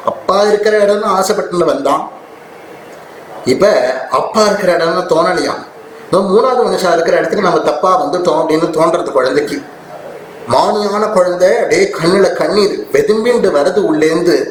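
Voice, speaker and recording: A man giving a devotional discourse who tells a story with dramatic feeling and slowly chants verses. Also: on the high side. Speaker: religious discourse speaker. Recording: roomy, faint ambient noise.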